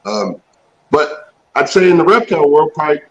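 A man's voice: on the high side, lively intonation, normal speed, dull audio, slight background noise. A man in his mid-forties, a reptile breeder and business owner, talking as a guest in a folksy, blunt, plain-spoken way. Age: 40s. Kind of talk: casual chat.

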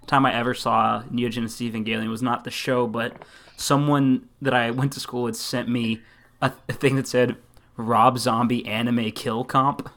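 A man co-hosting a casual podcast chat. He talks in a relaxed, rambling way and laughs easily. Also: medium pitch, moderate pace. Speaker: podcast co-host.

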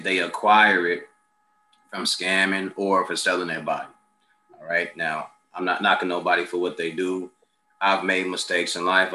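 A man's voice: deep voice, bright, forceful tone, echoey room, a little hiss or hum. A man hosting a casual interview, talking bluntly and preaching about accountability. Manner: blunt, preachy, street-level talk. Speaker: interview host.

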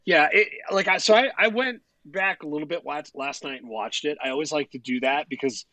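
A man co-hosting a sports podcast, telling stories in a rambling, profane, animated way. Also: a little high, a little fast, no room sound. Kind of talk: casual chat.

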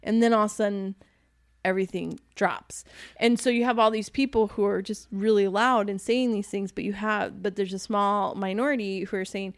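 A woman's voice: mid-range voice, fairly even intonation, no room sound, studio quality. A woman co-hosting a casual finance chat, joking around and adding her own stories. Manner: chatty and joking, adds stories and quick agreement. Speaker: co-host.

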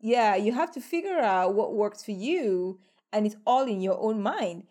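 A woman's voice: mid-range voice, expressive, moderate pace, warm tone. A woman interviewing a guest in a casual chat, affirming and picking up speed as she makes her points.

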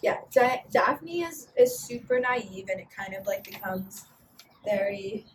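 A woman's voice: mid-range voice, animated, measured pace, distant mic, a little hiss or hum, rough recording. A young woman co-hosting a podcast, chatting casually and bluntly with lots of fillers. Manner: blunt, opinionated, many fillers. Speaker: podcast co-host. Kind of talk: casual chat.

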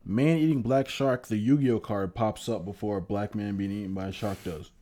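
Young male co-host, low voice, wisecracking and teasing. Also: moderate pace, mellow. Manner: joking, teasing banter. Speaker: podcast co-host. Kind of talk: casual chat.

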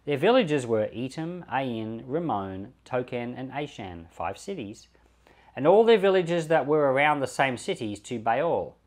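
With a mid-pitched voice that rises and falls lively, a man reads scripture aloud. He takes it slowly and deliberately, setting out each phrase and name on its own, much like a pastor on a podcast.

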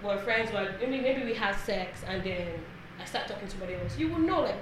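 A woman's voice: mid-range voice, lively intonation, quick pace. A woman in a casual group chat, speaking frankly and with self-assurance about her own ways. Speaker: panelist. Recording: very echoey room with background noise.

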